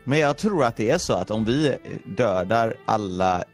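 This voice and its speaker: A young man gaming with a friend, chatting casually and lively. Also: on the low side, soft background music. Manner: lively, jumps into loud squeals. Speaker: co-op gaming partner. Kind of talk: casual co-op gameplay chat.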